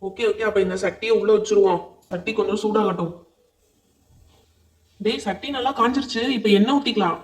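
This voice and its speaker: A man's voice: high voice, fairly quick, long pauses. A man voicing dolls in a comedy show, bossy and teasing as he explains cooking. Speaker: doll-show voice performer. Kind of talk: playful doll-show voice acting. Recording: echoey, distant mic.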